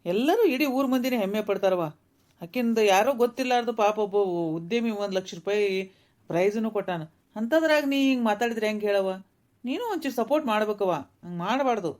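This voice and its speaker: A woman voicing a patient young married man in a cartoon, reasoning gently with his mother. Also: mid-range voice, expressive, brisk, lightly acted. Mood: calm. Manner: pleading, reasoning, soothing. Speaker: voice actor. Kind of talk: cartoon voice acting.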